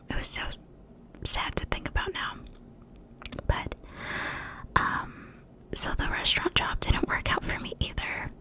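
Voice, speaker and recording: A young American woman gives a rambling ASMR talk in a breathy whisper close to the mic, sometimes slowly repeating words. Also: pushed and bright, poor audio. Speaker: ASMR creator. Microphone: close mic for cupped whispering.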